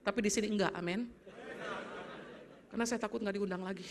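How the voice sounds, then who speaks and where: A woman pastor preaching in a lively, conversational way, often addressing the congregation directly. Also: mid-range voice, quick pace, background noise. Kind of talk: sermon.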